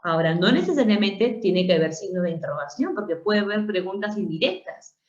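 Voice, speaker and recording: A woman's voice: mid-range voice, animated, a little fast, darkish tone, echoey room, muffled recording. A woman teaching a grammar lesson for exam prep, working through questions aloud, stretching out example words and asking rhetorical questions. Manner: explanatory, repeats and stresses example words, asks rhetorical questions. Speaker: language teacher.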